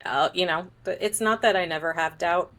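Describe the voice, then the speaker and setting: A woman's voice: lowish voice, brisk, fairly bright tone. A woman guest on a podcast, an author, chatting casually with frequent laughs and fillers.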